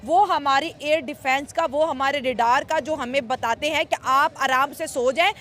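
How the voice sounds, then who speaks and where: A woman's voice: sits high, normal speed, a bit bright. A woman host with a Pakistani Urdu accent, questioning a guest and speaking straight to viewers. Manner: questioning, addresses viewers directly. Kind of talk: street interview and commentary to viewers.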